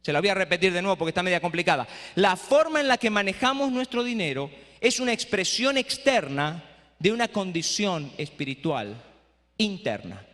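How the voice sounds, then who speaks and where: High, bright-voiced preaching man. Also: normal speed. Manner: lively, rhetorical, keeps asking "eh?". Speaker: speaker at a training for pastors. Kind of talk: preaching lecture. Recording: echoey hall.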